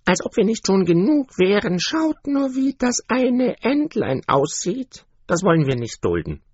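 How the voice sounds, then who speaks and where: A man voicing a spiteful female duck of the farmyard, with a high, squawking, scornful storybook voice on a dull, dry recording. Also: sing-song, unhurried, darkish tone, breathy edge, dry recording, full character voice.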